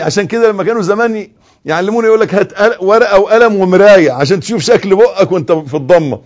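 A man with an Egyptian Arabic accent, giving a religious lesson on prayer and recitation, who corrects mistakes and demonstrates with slow, soft recitation. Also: sits high, dull audio. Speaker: religious teacher. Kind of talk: instructional talk on prayer and recitation.

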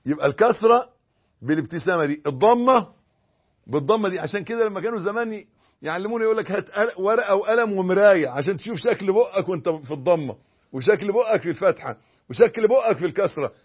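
An Egyptian man with a slightly high, husky voice gives a sermon on how to recite and pray. He drawls the verses when he demonstrates them, then pushes hard on corrections. The recording sounds muffled and lo-fi. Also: animated. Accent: Egyptian Arabic. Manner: instructive, demonstrates recitation slowly, swings from emphatic to hushed. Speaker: religious teacher. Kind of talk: sermon teaching prayer and recitation.

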